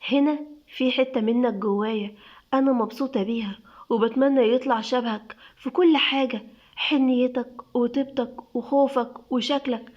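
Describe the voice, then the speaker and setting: A woman's voice: fairly high pitch, fairly even intonation, normal speed, lightly acted. A woman doing a teasing young Egyptian wife. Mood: tender. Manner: teasing and coaxing. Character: playful affectionate young wife, newly pregnant. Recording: dull lo-fi sound.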